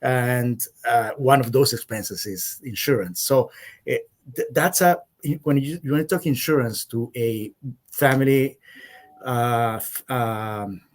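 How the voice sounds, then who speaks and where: Hesitant man, middle pitch. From Costa Rica. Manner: halting, many fillers and restarts. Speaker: podcast guest, insurance agent. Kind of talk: casual interview conversation.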